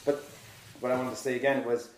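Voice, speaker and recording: A man's voice: medium pitch, flat delivery, quick pace. A man hosting a podcast, ranting heatedly in casual conversation and swearing freely. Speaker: podcast host. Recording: roomy echo.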